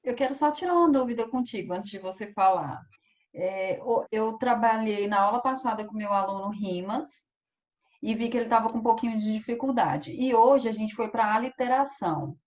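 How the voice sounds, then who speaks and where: A woman's voice: a little high, moderate pace, a little mellow, highs cut off. A woman with a Brazilian Portuguese accent, a teacher asking a colleague for advice, who thinks aloud hesitantly. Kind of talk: online teaching chat.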